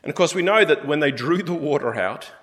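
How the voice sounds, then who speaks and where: A man preaching a sermon, telling the story in an animated way and acting out the characters. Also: fairly high pitch, fairly quick. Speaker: pastor. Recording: long hall reverb.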